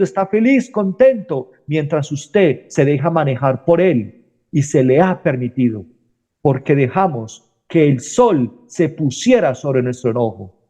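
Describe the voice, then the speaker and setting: A man's voice: a little high, mellow, lo-fi sound. A male pastor giving a sermon, speaking straight to his listeners and repeating his key phrases.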